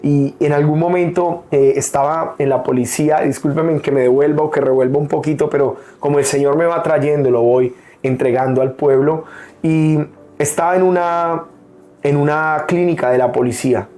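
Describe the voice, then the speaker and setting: A young male pastor from Colombia delivers an earnest sermon, with a voice sitting a little high for a man yet mellow and warm in tone. He speaks personally and pauses often on small fillers as he shares his testimony. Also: fairly even intonation. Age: young adult.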